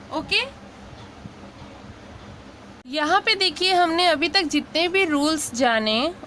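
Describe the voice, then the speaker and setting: A woman teaching English pronunciation in a patient lesson. She repeats each word slowly and checks in often. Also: high voice, a bit bright, slight background noise. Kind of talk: slow explanatory lesson.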